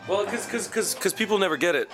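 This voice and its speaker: A man's voice: high voice, animated, fast, a bit bright, faint music behind. A man from France, a keyboardist and singer, rambling with lots of filler words. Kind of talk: casual interview chat.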